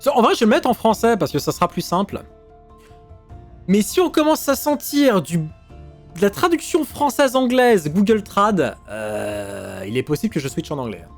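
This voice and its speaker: Man, gaming streamer, excitable, swears a lot, animated, slightly high voice, faint game music underneath. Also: moderate pace. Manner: excitable, swears, thinks aloud. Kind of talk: casual let's-play commentary.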